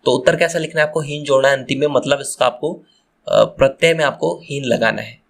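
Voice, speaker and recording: A man in the role of a schoolteacher, walking pupils through textbook questions one by one. He repeats key phrases and keeps turning to the children as he explains. His pitch sits in an ordinary middle range. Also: brisk, vocal fry. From Madhya Pradesh, India. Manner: repeats phrases, addresses children directly, restarts words. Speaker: teacher. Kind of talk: exam answer walkthrough lesson.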